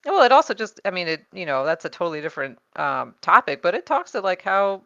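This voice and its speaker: A woman's voice: on the low side, very animated, quick pace, vocal fry, pushed and bright, no echo, lo-fi sound. A woman co-hosting a podcast, explaining her research in casual chat with many fillers and frequent laughs. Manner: chatty, laughs often, many fillers and restarts.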